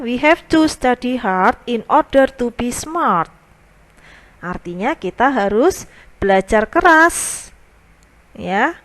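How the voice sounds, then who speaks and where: Slow, patient woman English teacher. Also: a little high. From Indonesia. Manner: slow, patient explaining, reads English example sentences then translates them. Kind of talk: recorded lesson explaining grammar.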